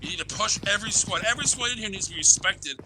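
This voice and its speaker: An esports analyst gives live game commentary, breaking down team play in a coaching tone. His male voice sits high and races along, with game gunfire and engine noise beneath it.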